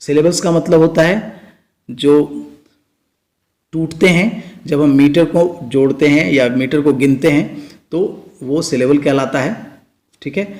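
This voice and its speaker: Slow, higher-pitched male teacher. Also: a little mellow. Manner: reads English definitions slowly, then explains them in Hindi. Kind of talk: bilingual literature lecture.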